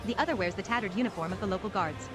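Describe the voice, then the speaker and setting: A woman's voice: medium pitch, rapid-fire, music in the background. A woman reading dramatic scripted narration as the narrator of a fantasy game.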